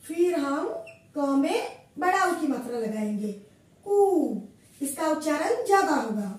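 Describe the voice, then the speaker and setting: Slow, high-voiced patient woman teacher. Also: expressive, very echoey, recorded from a distance. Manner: slow, patient, repeats each syllable. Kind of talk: slow classroom explanation.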